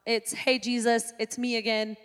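A woman's voice: fairly high pitch, little pitch movement, normal speed, a bit bright, in a large hall. A woman in her late twenties, a pastor on a panel, talking casually and jokingly. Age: 20s. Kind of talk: panel Q&A chat.

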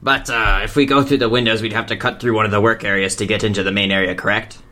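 A man voicing a gruff male dwarf adventurer in a tabletop game, asking quick questions. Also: lowish voice, little pitch movement, pushed and bright. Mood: questioning.

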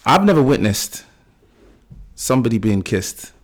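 Podcast host: young man, London roadman accent, mid-pitched voice, casual slangy banter. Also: very animated, measured pace. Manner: slangy urban British street talk.

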